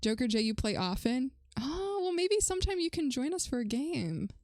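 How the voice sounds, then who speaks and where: A woman live-streaming a game from home, chatting casually and rambling, prone to shrill startled shrieks. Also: big pitch swings, moderate pace, a little mellow, no echo, studio quality. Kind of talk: casual live-stream chat while gaming.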